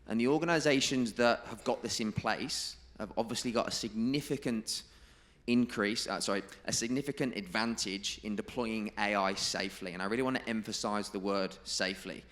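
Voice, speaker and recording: A man giving a presentation to a live audience, emphatic and stressing key figures and quotes by repeating them slowly. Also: medium pitch, fairly bright tone. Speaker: conference presenter. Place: conference room.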